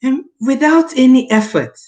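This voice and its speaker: This high, animated woman's voice has a darkish tone and moves at normal speed. She is in her late thirties, a guest sharing a conversational personal testimonial, hammering her points home with repeated phrases.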